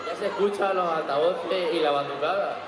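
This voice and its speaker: A man's voice: a little high, normal speed, crowd noise. A man with an accent from Spain, making herald-like announcements at a public festival. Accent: Spanish from Spain. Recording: echoey, very noisy crowded public event.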